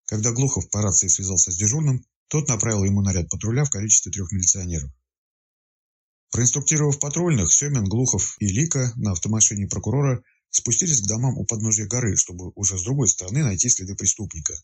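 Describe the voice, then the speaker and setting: A man narrating a detective story in an expressive audiobook reading. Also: fairly low pitch, quick pace, breathy edge.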